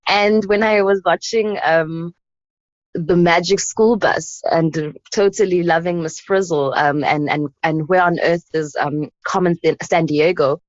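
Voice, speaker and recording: A woman in her thirties with a notably low voice talks reflectively as an interview guest, pausing on soft fillers as she thinks aloud. The recording is dull and lo-fi, and it sounds dry and close. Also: no echo. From South Africa. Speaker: guest, anthropologist and poet. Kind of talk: casual interview conversation.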